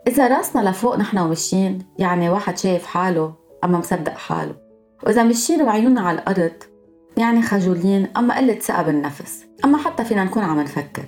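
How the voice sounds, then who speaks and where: A woman's voice: on the low side, expressive, fast, darkish tone, soft background music. A woman with a Lebanese accent hosting a podcast, explaining her topic in a scripted monologue and going through examples one by one. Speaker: podcast host.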